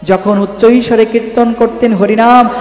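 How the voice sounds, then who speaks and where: A man's voice: very high-pitched, steady tone, normal speed, darkish tone. A male devotional preacher telling a saint's story in a sermon, chanting the mantra in a sing-song and asking the listeners rhetorical questions. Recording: echoey hall with music behind.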